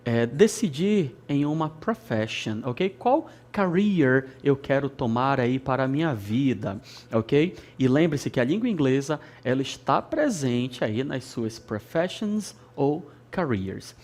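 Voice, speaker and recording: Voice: medium pitch, expressive, slow, a little mellow. An English teacher from Brazil with an Amazonas accent, giving a recorded lesson, repeating key words and checking in with "ok?" along the way. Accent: Brazilian Portuguese, Amazonas. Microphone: studio lesson recording.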